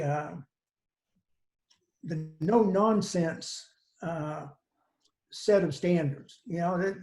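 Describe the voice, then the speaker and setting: An older man talking as a guest on a video call, halting, with many restarts and fillers. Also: high-pitched, mellow. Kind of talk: casual chat on a video call. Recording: roomy video call audio.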